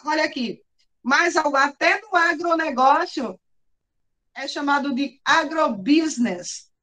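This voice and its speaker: A Brazilian Portuguese woman teaching a class in a high voice. She explains step by step. She keeps checking that her students follow along. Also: a bit bright. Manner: explanatory, often asks for agreement and addresses the class directly.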